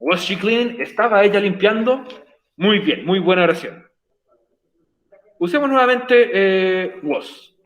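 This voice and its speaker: A man's voice: high-pitched, animated, unhurried, long pauses, a bit bright, reverberant. A man teaching an online English class, patient and encouraging, explaining step by step.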